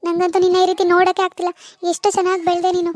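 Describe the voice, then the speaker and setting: A woman's voice: extremely high pitch, monotone, very fast, no echo, clean studio sound. A woman voicing a worried middle-aged mother in a cartoon, soothing and pleading with her daughter. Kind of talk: cartoon voice acting.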